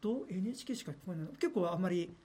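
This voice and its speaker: A man's voice: high-pitched, lively intonation, racing, dark tone, breathy edge. A man working as a radio personality, chatting casually and animatedly in a studio, often laughing and imitating voices.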